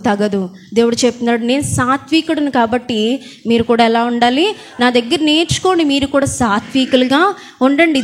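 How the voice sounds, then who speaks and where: High-voiced woman preacher, soft-spoken, questions the congregation throughout the sermon. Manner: quiet, calls her own voice small. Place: church hall with fans.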